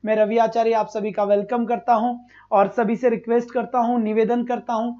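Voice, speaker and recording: A man with an extremely high, fairly flat voice speaks fairly quickly in a warm tone, with the highs cut off. He's a teacher running an online exam-prep class, posing questions and answering them himself, repeating every point, and praising the students as his children.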